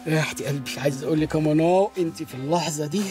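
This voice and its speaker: A man's voice: on the high side, racing, a little mellow, soft background music, natural voice. An actor playing a nervous, whiny young husband who pleads with his grandmother in a film comedy. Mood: awkward tender.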